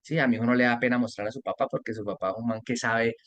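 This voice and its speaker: Podcast guest: Colombian man, 40s, mid-pitched, animated and rambling. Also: rapid-fire, lo-fi sound. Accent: Colombian Spanish. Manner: talkative, animated storytelling with restarts. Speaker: guest, parenting mentor. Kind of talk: casual podcast conversation.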